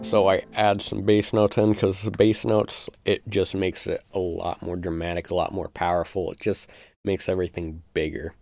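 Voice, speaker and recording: Low, gravelly-voiced man explaining beats. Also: little pitch movement, normal speed, darkish tone, faint music behind. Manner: casual, loose explanations with many fillers. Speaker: music producer. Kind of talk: live-stream beat-making walkthrough.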